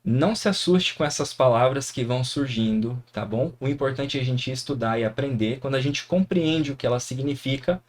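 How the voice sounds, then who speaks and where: A man's voice: medium pitch, brisk, hardly any pauses. A man with a Brazilian Portuguese accent teaching a grammar lesson, encouraging and often checking in with his students. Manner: encouraging, frequent tag questions. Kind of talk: classroom lesson explaining grammar.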